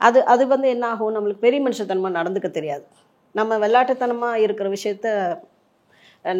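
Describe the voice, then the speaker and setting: A woman with a medium-pitched, somewhat dark voice, recorded with the highs cut off, speaks as a life coach giving relationship advice in an interview. She explains things emphatically, using rhetorical questions and examples and slipping in English words.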